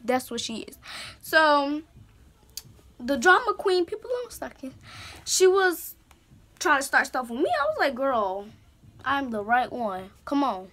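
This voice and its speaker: A woman vlogger in her bedroom telling a story time in an animated, slangy, rambling way, with lots of asides. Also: sits high. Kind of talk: casual story time monologue. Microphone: camera's built-in mic.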